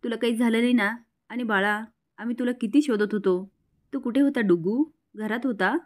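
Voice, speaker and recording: A woman's voice: on the high side, normal speed, lightly acted. A woman voicing a worried mother who fusses over and scolds her son.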